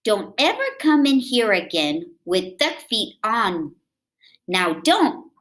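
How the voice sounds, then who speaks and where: A woman's voice: medium pitch, very animated, slow, fairly bright tone. A woman voicing a stern, scolding mother from a children's storybook, commanding and emphatic.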